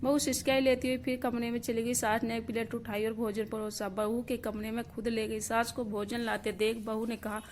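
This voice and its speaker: Woman, storybook narration, fairly high voice, flat and even delivery. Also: moderate pace, few pauses, slight background noise.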